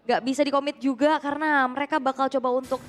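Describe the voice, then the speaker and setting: A woman's voice: high voice, steady tone, fast talker, noisy background. An Indonesian woman giving conversational live commentary on an esports match alongside other casters.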